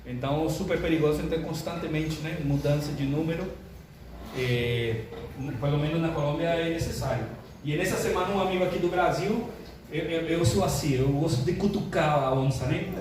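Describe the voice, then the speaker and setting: An older man, a pastor, opening his sermon with jokes in a chatty, animated way. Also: fairly high pitch, fairly quick. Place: church sanctuary. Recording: echoey church hall, distant mic, room noise.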